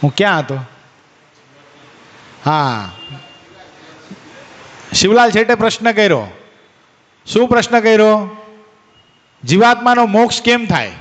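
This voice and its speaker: Male preacher, higher voice, quizzes the crowd by name, long reverb. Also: big pitch swings, a little slow, pauses often, fairly bright tone. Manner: questions and teases listeners by name. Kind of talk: devotional discourse to a gathering.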